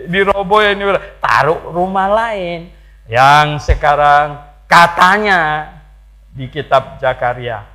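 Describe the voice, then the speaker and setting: An older pastor with an Indonesian accent preaches a sermon, moving between loud, emphatic peaks and low asides while posing rhetorical questions to the congregation. The audio quality is poor.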